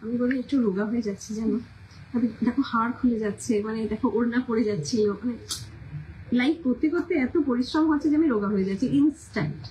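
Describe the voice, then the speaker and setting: Chatty high-voiced Kolkata Bengali woman. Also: fast, warm tone, a little hiss or hum, low-quality recording. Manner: chatty, repeats every weight and price twice. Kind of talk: casual live-stream sales chat.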